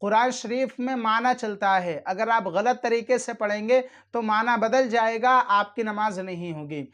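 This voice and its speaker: A man with a notably high voice teaches prayer rules to his channel's viewers. He talks in an earnest, admonishing way, repeating his warnings and addressing the audience formally. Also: a little slow, a bit bright. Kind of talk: religious how-to instruction.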